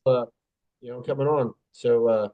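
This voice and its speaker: A man's voice: medium pitch, fairly even intonation, normal speed, narrow, tinny audio. A man hosting a casual podcast who also coaches wrestling, telling stories in a rambling way, trailing off and laughing at himself.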